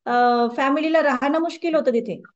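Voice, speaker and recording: A woman's voice: high-pitched, normal speed, lo-fi sound. A woman wellness coach gives a conversational lecture to a group and keeps asking the audience questions.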